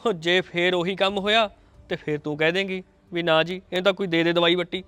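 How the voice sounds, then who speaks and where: Guy playing a punjabi son bickering with his mom, talks super fast, pretty high clear voice. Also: fairly even intonation, fairly bright tone, no echo. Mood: arguing. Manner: quick, arguing, mocking. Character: frustrated grown son arguing with his mother.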